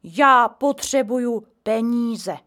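A woman voicing a gentle, forgetful old grandfather in a storybook reading, speaking slowly and loudly. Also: a little high, natural voice. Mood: plaintive.

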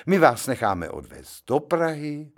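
A man voicing a stern middle-aged gentleman who firmly explains away a mistake, in a read-aloud story. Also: fairly high pitch, sing-song, voice pushed up. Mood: placating.

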